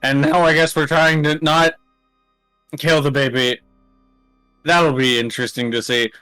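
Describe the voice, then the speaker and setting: A man's voice: fairly high pitch, fairly even intonation, measured pace, pushed and bright, clean tone, faint music behind, low-quality recording. A man recapping a tabletop game as a player in casual banter, rambling and jokey with crude asides.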